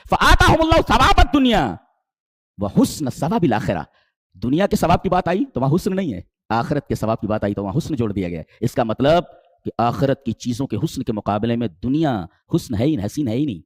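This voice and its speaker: A man delivering a sermon. His pitch swings widely, jumping to emphatic highs and sinking low. The sound is dry and close, with no room echo. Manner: animated, rising to high emphatic peaks then dropping low, rhetorical questions. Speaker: Islamic preacher. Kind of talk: Urdu sermon with Quranic exegesis.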